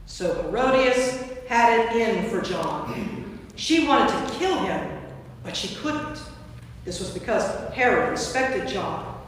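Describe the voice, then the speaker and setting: In a big church hall, recorded from a distance with echo and a little hiss or hum, a woman narrates scripture dramatically as a priest in a staged, scripted reading. She speaks slowly and expressively in a voice on the high side.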